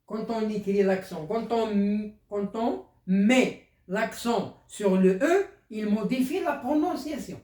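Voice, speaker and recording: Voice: mid-range voice, slow pace, few pauses, mellow. A teacher giving a primary school lesson, explaining step by step and repeating words for the pupils. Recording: echoey room.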